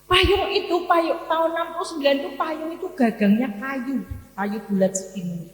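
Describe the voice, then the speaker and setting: A high-pitched woman in her sixties with a Javanese accent gives a morning Islamic study lecture, weaving personal stories into her sermon. She preaches emphatically and deliberately, pausing and repeating phrases, in an echoey hall with long reverb.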